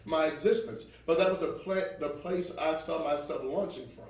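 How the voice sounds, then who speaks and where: A man's voice: a little high, moderate pace, darkish tone. A man from New Orleans who sounds like a New Yorker, telling motivational stories in a preacherly, emphatic way and often checking that listeners follow. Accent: New York. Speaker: interview guest. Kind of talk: motivational storytelling in an interview. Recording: very echoey room, distant microphone.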